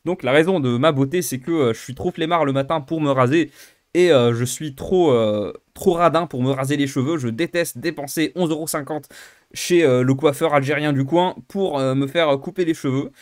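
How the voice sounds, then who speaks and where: A man's voice: fairly high pitch, normal speed. Young male YouTuber, casual Q&A chat, loose and self-deprecating, lots of "euh" and restarts. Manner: rambling, self-mocking, many fillers and restarts. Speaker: YouTuber answering viewer questions. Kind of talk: casual Q&A monologue.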